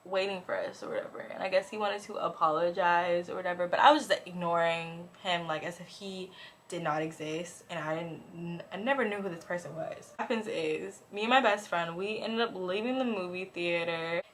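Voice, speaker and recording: A young woman vlogger chatting casually through a storytime as she gets ready, animated and profane, full of "like" and "bro". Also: on the low side, fairly quick, a little hiss or hum. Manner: animated, swings between loud and hushed. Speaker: beauty and lifestyle vlogger.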